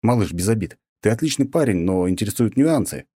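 A sarcastic young hero who is fed up and snaps back, as a male narrator voices him. His voice sits above the reader's low narrating tone but stays dark. The recording is dry. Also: expressive, fairly quick, husky, no echo. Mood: irritated, sarcastic. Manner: irritated, sarcastic.

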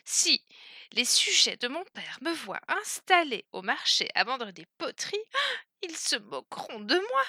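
Spoiled young princess, high whiny lament, bright and dry, as a woman reads her. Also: very animated, a little slow, dry recording, exaggerated voice. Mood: plaintive.

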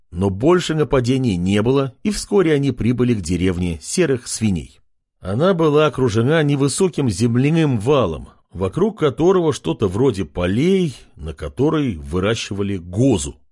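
A man narrates a fantasy audiobook in a scripted, measured way. His voice is husky. His pitch moves lively through the sentences.

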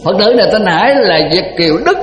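Older monk, folksy and rambling, long hall reverb. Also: male voice, sits high, expressive, quick pace, fairly bright tone. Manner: folksy, rambling, with repeated words. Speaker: Buddhist monk. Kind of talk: dharma talk to an assembly. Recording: echoey hall recording.

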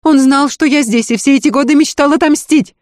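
A man's voice: extremely high pitch, brisk, a little mellow, no echo, clean studio sound, pitched above the performer's own voice. A man voicing a capricious, hysterical young noblewoman with a Polish accent in an audiobook. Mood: frightened frantic. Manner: shrieking, frantic, capricious.

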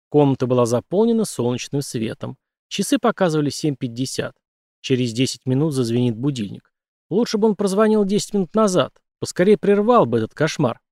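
A man narrating an audiobook in a steady, even reading voice. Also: on the high side, brisk, dry recording, studio quality. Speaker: audiobook reader. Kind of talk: scripted narration.

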